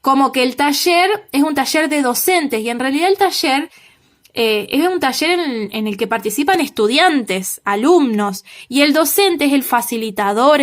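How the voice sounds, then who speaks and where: Female teacher, high pitched, patient recorded feedback to students, emphatic on examples, frequent check-ins. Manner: checks in with "¿sí?" after nearly every point, many "eh" fillers; slow, emphatic on key examples. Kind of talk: recorded lesson giving feedback on assignments.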